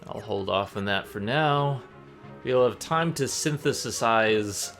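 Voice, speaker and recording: A man's voice: lowish voice, slow pace, gravelly, fairly bright tone. A man giving conversational live commentary as a game streamer, with a touch of mock drama. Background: game music.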